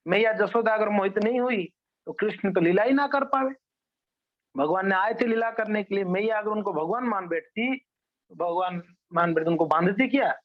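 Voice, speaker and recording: High-voiced male preacher telling stories. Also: moderate pace. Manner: animated, asks and answers his own questions. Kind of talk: storytelling sermon. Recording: dull lo-fi recording.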